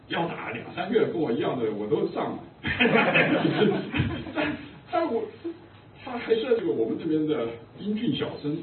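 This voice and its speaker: A man's voice: fairly high pitch, background noise. An older man preaching a sermon as a pastor, telling humorous anecdotes. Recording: distant echoey phone-like recording.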